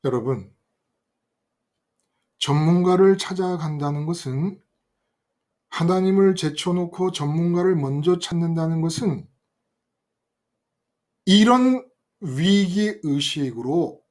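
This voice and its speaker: An older man preaching a sermon, telling a story from his youth in an animated way and speaking directly to his listeners. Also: fairly high pitch, takes it slowly, pauses often. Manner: animated, acts out quoted voices and addresses listeners directly. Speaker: pastor.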